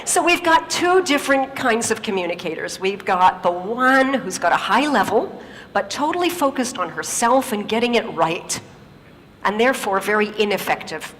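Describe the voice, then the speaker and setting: A woman's voice: medium pitch, moderate pace, in a large hall, a little hiss or hum. A woman giving an emphatic public talk, telling stories on stage. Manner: storytelling, lively and emphatic. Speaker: speaker.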